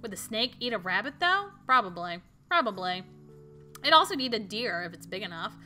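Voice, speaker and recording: A woman's voice: mid-range voice, very animated, fairly quick, bright, forceful tone, soft background music. A woman hosting a let's play, chatting casually over gameplay with playful, giggly, rambling asides.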